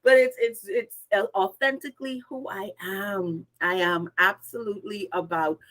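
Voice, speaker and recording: A woman from the islands, a guest speaker introducing herself on a video call, energetic and expressive. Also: medium pitch, moderate pace, rough recording. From Bahamas. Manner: energetic, expressive, listing words in lively runs. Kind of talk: upbeat conversational self-introduction.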